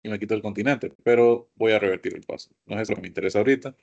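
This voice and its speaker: A man's voice: on the low side, rapid-fire, vocal fry, darkish tone, dull audio. A man teaching a computer course, walking his class through each step and often asking them to look. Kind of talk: screen-share software lesson.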